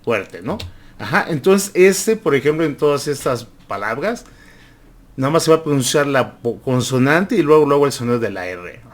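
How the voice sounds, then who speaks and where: A man with a sing-song, mid-range voice gives an English pronunciation lesson. He repeats each word several times and growls out long R sounds to show how they're formed.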